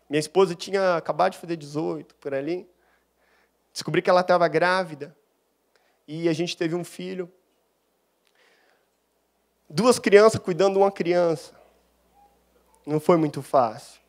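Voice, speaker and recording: Animated man preaching a testimony sermon. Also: sits high, creaky. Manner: animated storyteller, acts out dialogue. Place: church.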